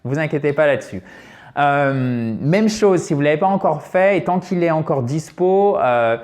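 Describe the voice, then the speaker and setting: A man teaching English to French speakers in an online lesson. He explains patiently, step by step, repeats words slowly to model pronunciation, and addresses viewers directly as friends. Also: a little high, animated, darkish tone.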